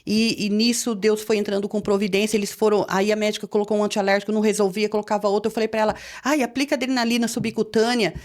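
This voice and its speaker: A woman's voice: medium pitch, flat delivery, very fast, hardly any pauses, a little mellow. A woman pastor with a Brazilian Portuguese accent tells a personal testimony with earnest feeling, her voice rising when she relives the tense moments.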